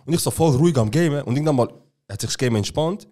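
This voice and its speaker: A man's voice: medium pitch, fast talker. A young man with a Swiss German accent, co-hosting a casual podcast chat and telling stories with lots of laughter and slang. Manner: laughing, animated storytelling with slang. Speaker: podcast co-host.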